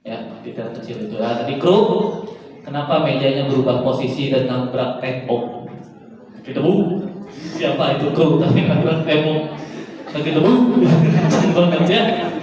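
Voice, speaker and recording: A man giving lively, joking feedback to student actors as a theatre judge, acting out lines as he goes. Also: mid-range voice, moderate pace, muffled recording. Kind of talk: spoken critique to students. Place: school hall stage. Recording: echoey hall, far from mic.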